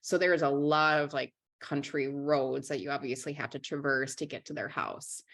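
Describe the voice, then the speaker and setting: A young woman from Minnesota speaks low in her range and candidly in a conversational interview. She restarts her sentences and fills pauses with "um" and "you know.". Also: a bit bright. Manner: frank and candid, restarts sentences, many fillers. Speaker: interview guest, writer and journalist.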